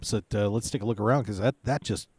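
A man's voice: fairly low pitch, fast talker, a little mellow, breathy edge, dry recording. A man hosting live poker tournament coverage, calling hands and reading chip counts in a chatty, loose play-by-play with plenty of filler words.

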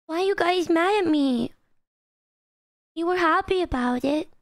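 A woman voicing a cutesy, childlike anime girl in drawn-out, babyish uwu speak while livestreaming. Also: very high voice, dry recording, studio quality. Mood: sheepish cutesy.

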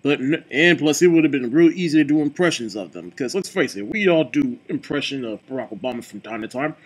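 Husky, chatty male film reviewer. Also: medium pitch, fast. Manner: relaxed and chatty, with many fillers like "like" and "you know". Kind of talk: casual movie review.

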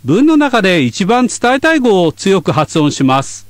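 A man teaching English on a radio lesson, explaining clearly in scripted narration. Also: sits high, big pitch swings, unhurried, no room sound. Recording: dry studio sound.

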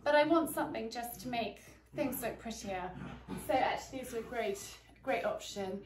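Speaking at a normal speed with a slightly high voice, a woman in her forties gives a friendly, filler-heavy cleaning demonstration as she works. The setting is a sunlit garden room at home, captured in an echoey space with a little faint noise.

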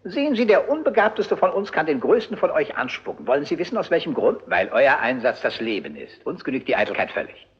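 A man's voice: on the high side, very animated, fast, husky, full character voice. An actor playing a haughty, scornful theatre director who mocks his guests, in a German film dub. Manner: sneering, theatrical, mocking. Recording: dull lo-fi film soundtrack.

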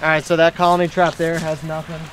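This young trapping vlogger's voice is fairly high, completely flat, and fast as he addresses the camera by the creeks and marshy fields. He sounds casual, using laid-back slang and folksy exclamations, captured as outdoor location sound on a camera-mounted shotgun mic with faint background noise.

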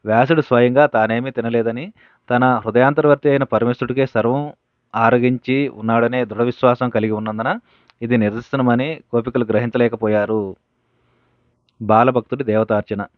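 Guy reading spiritual stories out loud, steady, fixes words now and then, thin phone-ish sound, dry. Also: medium pitch, normal speed, dry recording. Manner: steady reading with occasional self-corrections. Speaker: reader of spiritual teachings. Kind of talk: reading a devotional book aloud. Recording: narrow phone-like dry audio.

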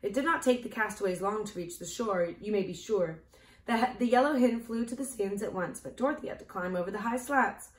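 A woman hosting a children's show, reading a storybook aloud in a clear, expressive way. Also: medium pitch, a little fast. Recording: roomy echo.

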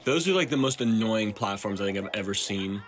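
A man's voice: lowish voice, lively intonation, fairly quick, a little hiss or hum. A young man commenting on a game with friends, wry and profane, grumbling about tedious parts. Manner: wry, profane, complains and jokes. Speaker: co-host. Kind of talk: let's play commentary.

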